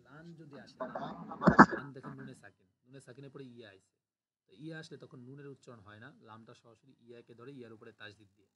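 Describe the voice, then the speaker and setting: A man's voice: mid-range voice, steady tone, quick pace, noisy background. A man teaching a grammar class, patiently explaining and repeating word forms aloud for students to drill. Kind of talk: online class lecture.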